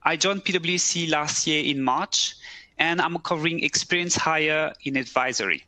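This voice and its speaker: Bright-voiced man presenting. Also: fairly high pitch, normal speed, no room sound. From French-speaking Switzerland. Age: 30s. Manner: relaxed, slightly broken English phrasing. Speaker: recruiter. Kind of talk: webcast presentation. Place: office.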